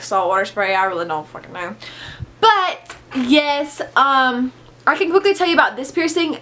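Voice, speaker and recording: A young woman telling a candid storytime in a casual vlog, chatty and animated, swearing freely. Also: on the high side, slight background noise. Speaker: vlogger.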